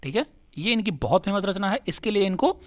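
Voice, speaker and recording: A man's voice: high-pitched, expressive, a little fast. A man teaching an exam-prep lesson. He asks questions and answers them himself, and repeats key words with "kya?".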